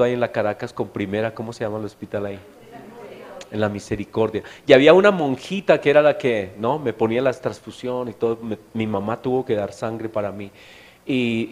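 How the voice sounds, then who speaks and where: A middle-aged Colombian man preaching a sermon in a church meeting hall, telling stories in a chatty way and asking the audience questions. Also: medium pitch. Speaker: pastor.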